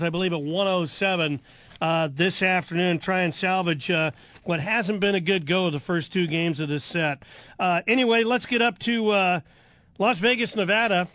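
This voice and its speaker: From a studio at a ballpark, a man hosts a sports radio show in a casual, rambling style, full of fillers as his voice gives out. His voice is high-pitched and a bit bright, with no echo.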